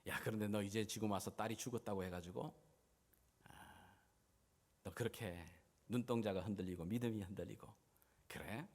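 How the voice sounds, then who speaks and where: A man preaching in the voice of Jesus, a gentle but firm grown man, speaking in earnest, pleading address that rises to impassioned urging. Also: fairly low pitch, moderate pace, pauses often, voice pushed down. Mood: gentle reproach. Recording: church hall reverb.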